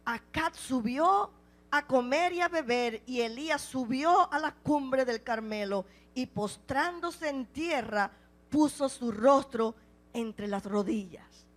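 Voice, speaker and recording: A woman preaching a sermon with passion, firing off repeated rhetorical questions and swinging between loud exclamations and hushed passages. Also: high-pitched, takes it slowly.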